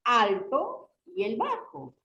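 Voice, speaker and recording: A woman's voice: a little high, wildly swooping pitch, slow pace, sharp tone, lo-fi sound, a little hiss or hum. A woman teacher leading a class discussion, explaining points with rhetorical questions and frequent tag questions. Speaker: university teacher.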